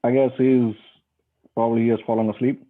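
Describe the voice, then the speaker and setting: A man's voice: medium pitch, little pitch movement, brisk. A man hosting a group video call and calling on participants to speak. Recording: thin phone-like call audio.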